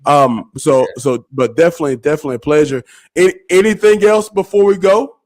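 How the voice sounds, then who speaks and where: A man's voice: fairly high pitch, a little fast, a little mellow. A man, hosting a casual podcast, laid-back and laughing often. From Arkansas, USA. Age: 40s. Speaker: podcast host. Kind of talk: casual chat.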